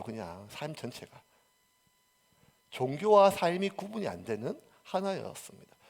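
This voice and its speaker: A male pastor from South Korea, preaching a sermon that swings from loud emphasis to near-whispered asides. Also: on the high side, gravelly.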